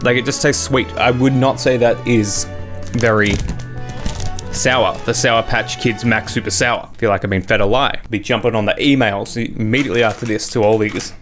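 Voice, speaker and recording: A man's voice: mid-range voice, steady tone, normal speed, fairly bright tone. A young adult man chatting casually and drily as host of a taste test, talking while he eats sour candy. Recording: music behind the voice. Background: background music.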